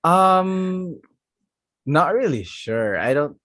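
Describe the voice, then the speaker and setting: A man's voice: fairly high pitch, expressive, drawn-out words, fairly bright tone, dry recording, studio quality. A man, a musician guest on a podcast, easygoing and a little hesitant, often giggling. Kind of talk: casual podcast interview.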